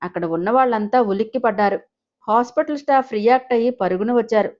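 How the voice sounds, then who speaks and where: A woman's voice: on the high side, fast, highs cut off. A woman storyteller reading a scripted emotional audio story in a dramatic, emotive way.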